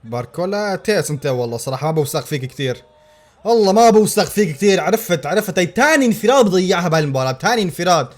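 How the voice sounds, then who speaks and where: Male football reactor, pitched high, loud repeated exclamations. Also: very fast. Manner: excitable, exclaiming and repeating himself. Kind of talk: live match reaction.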